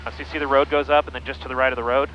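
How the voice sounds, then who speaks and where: A man's voice: medium pitch, flat delivery, racing, dull audio. A man flying a small plane, chatting casually as a private pilot and making pilot radio calls on a headset. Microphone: aviation headset intercom. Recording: cockpit intercom with faint engine noise.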